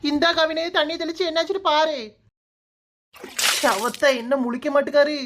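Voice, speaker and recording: High-voiced woman, blunt cartoon comedy. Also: moderate pace, background noise. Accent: Kanyakumari Tamil. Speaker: cartoon voice artist. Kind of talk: village cartoon comedy voicing.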